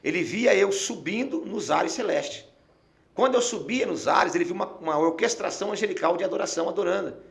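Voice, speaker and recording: A middle-aged Brazilian man, a pastor, telling an emotional testimony in a podcast conversation, dropping to a hush as he nears tears. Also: high voice, a little fast, gravelly. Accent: Brazilian Portuguese. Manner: emotional storyteller, falls quiet and near tears.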